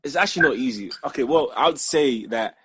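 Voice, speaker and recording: A man's voice: mid-range voice, expressive, fast, fairly bright tone, slightly rough, dry recording. A young man from Ghana, a filmmaker being interviewed, talking in a loose, rambling way with frequent restarts. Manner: rambling, restarts often, laughs easily. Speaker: filmmaker guest. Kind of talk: casual interview chat.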